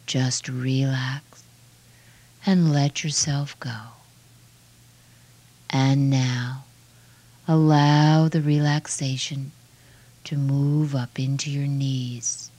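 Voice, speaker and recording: A woman guiding a relaxation meditation in a soft, hushed, soothing voice with measured phrases that trail off breathily. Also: rumbling low, flat delivery. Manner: slow, measured phrases with long pauses. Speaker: relaxation guide.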